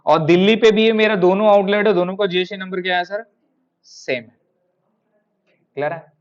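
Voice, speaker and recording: A man teaching a classroom tax lesson, telling a lively story and addressing students as sir. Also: sits high, moderate pace, muffled recording. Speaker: tutor. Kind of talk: classroom lecture with anecdote.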